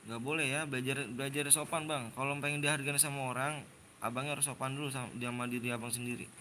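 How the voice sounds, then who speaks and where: A man's voice: medium pitch, fairly even intonation, fast, pushed and bright, a little hiss or hum. A man in his twenties with a Jakarta accent, casually chatting on a game livestream, slangy and repetitive, lecturing viewers on manners. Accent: Jakarta Indonesian. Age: 20s. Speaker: livestream host running custom game rooms.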